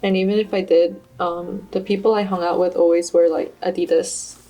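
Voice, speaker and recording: A woman's voice: fairly low pitch, flat delivery, normal speed, mellow, rough recording. A young woman who grew up in the Philippines, a university student guest chatting modestly and self-deprecatingly. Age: young adult. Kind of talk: casual podcast chat.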